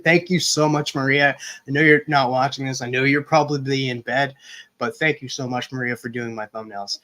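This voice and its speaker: Guy hosting a chill hangout stream, chatty, middle pitch, reads some news out loud. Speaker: livestream host. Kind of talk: casual hangout livestream chat.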